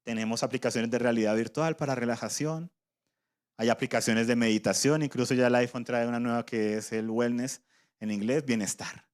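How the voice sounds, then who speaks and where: A man's voice: medium pitch, steady tone, fairly quick. A man preaching a sermon in a conversational way, voicing imagined objections from his listeners.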